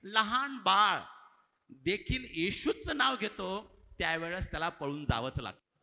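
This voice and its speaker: Brief: male pastor, high voice, urges the crowd to answer back. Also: animated, measured pace, vocal fry, sharp tone. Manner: calls on congregation to repeat aloud. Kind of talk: sermon. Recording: echoey hall reverb.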